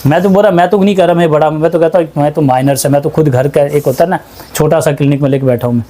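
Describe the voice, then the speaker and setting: A man's voice: on the high side, very fast, warm tone. A man working as an ayurvedic practitioner, speaking with emphatic, repetitive insistence in a small clinic. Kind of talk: earnest testimonial talk.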